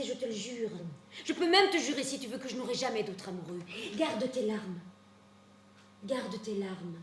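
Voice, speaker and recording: Actress as a calm resolute young princess, bit high, soft but firm, echoey stage. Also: female voice, lightly acted. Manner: quiet, gentle and firm. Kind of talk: stage acting. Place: theater stage. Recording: roomy stage.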